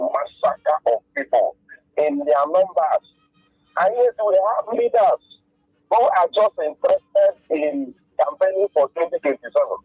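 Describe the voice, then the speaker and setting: A man calling in to a talk show over the phone, speaking gravely and firing off one question after another. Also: fairly high pitch, no echo. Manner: grave, impassioned, stacks up questions. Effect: heard over the phone. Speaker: caller. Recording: tinny dry phone line.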